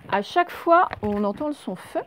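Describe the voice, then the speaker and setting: Une enseignante qui fait une leçon d'orthographe pour enfants, lente et patiente, qui répète chaque mot deux fois. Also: female voice, mid-range voice, lively intonation. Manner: slow, patient, repeats each word twice. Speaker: teacher. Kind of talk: spelling lesson read to children.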